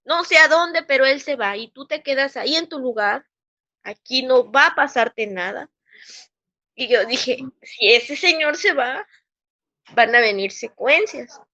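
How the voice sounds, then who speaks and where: Through dull audio comes a high, lively woman's voice with a bright, forceful tone. She's Mexican, speaking with a Mexican Spanish accent as she gives an emotional interview about painful events at work, acting out others' remarks and restarting sentences often.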